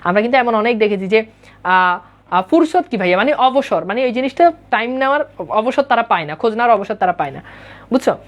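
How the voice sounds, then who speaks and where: A woman's voice: a little high, expressive, fast talker, highs cut off. A woman, a teacher who reads old formal prose aloud and then explains it in casual speech, answering her students' live comments. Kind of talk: explaining a Bengali text line by line.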